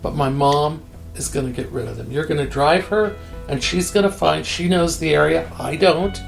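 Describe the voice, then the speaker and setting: A woman's voice: low voice, moderate pace, gravelly, soft background music. An older woman being interviewed, telling a story candidly and acting out the quoted dialogue. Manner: animated, acts out quoted dialogue.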